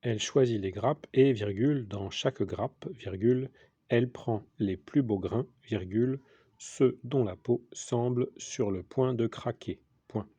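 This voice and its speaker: A man dictating a text as a teacher, deliberately, in short repeated phrases with the punctuation spoken aloud. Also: mid-range voice, warm tone, slightly rough, no room sound. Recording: dull lo-fi sound.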